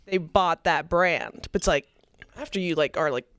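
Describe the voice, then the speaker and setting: A woman's voice: fairly low pitch, moderate pace, a crowd in the background. A woman co-hosting a casual chat, talking loosely with many likes and restarts, a little hungover. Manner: chatty, lots of likes and restarts. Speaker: podcast co-host.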